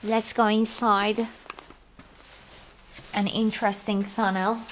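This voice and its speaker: Slow-talking woman touring ruins outdoors. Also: medium pitch, level tone, a little hiss or hum. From Iran. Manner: chatty, curious, nonnative phrasing. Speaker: travel vlogger. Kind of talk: walking travel vlog tour. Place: outdoors among ancient ruins. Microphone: camera held at arm's length.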